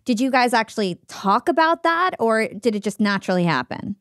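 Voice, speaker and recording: A woman's voice: fairly high pitch, sing-song, brisk, a bit bright, dry recording, studio quality. Woman podcast host asking researched questions. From New Jersey, United States. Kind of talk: scripted intro and interview questions.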